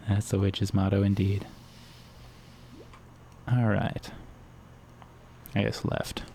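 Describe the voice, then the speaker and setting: Gravelly low-voiced man joking over gameplay. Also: lively intonation, extremely slow, long pauses, dark tone, a little hiss or hum. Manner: rambling, joking, crude humor. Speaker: gaming streamer. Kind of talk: casual gameplay commentary.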